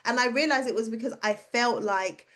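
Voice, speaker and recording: A woman's voice: fairly high pitch, normal speed, fairly bright tone. A woman in her thirties, a career coach and podcast host, telling a personal story in casual conversation and acting out the voices she quotes.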